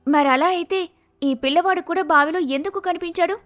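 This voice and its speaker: A woman's voice: very high-pitched, a little fast, fairly bright tone, faint music behind. A woman voicing an outspoken young wife who argues back with indignation, in a cartoon story. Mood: indignant.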